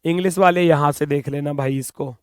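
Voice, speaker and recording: A man teaching reasoning in an online exam-prep class, brisk and coaxing, sometimes scolding students playfully, speaking English with an Indian accent. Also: fairly high pitch, fairly even intonation, a little mellow, clean tone, dry recording, clean studio sound.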